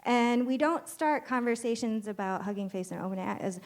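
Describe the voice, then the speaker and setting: A woman's voice: fairly high pitch, expressive, normal speed, a little mellow. A woman speaking as a panelist at a live podcast taping, making her point emphatically through rhetorical questions and frequent fillers. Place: conference stage before an audience.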